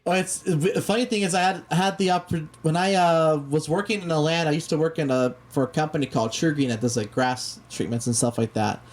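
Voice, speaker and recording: A casual talk show host whose first language is Spanish. They speak slowly and deliberately, often restarting mid-sentence, at an average pitch. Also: faint music behind. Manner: deliberately slow, careful speech with frequent restarts.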